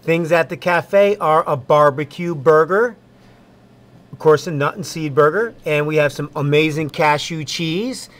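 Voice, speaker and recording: A man's voice: fairly high pitch, a little slow. A man filming an upbeat, friendly walkthrough of a small cafe's new menu on a handheld camera. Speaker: cafe host filming a menu tour. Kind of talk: casual promotional walkthrough. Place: small cafe indoors.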